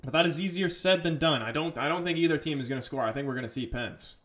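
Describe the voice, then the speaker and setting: This livestream host, an Englishman with an English accent, talks his way through a football match on a casual stream while reading out comments from viewers. He speaks quickly in a fairly high, slightly bright voice.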